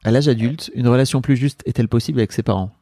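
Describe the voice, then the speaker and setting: Male podcast host, mellow tone, dry sound, playful and filler-heavy. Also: medium pitch, fast, no echo. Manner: chatty, jokey, many fillers. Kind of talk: casual podcast chat.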